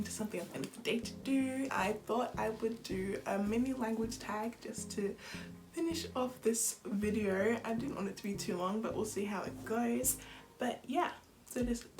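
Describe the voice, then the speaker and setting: A young woman from Zimbabwe, giving a relaxed, chatty bedtime talk as a vlogger, soft-spoken and giggly, at times sinking to a whisper. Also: a little high, normal speed, over music. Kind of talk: relaxed bedtime chat to camera.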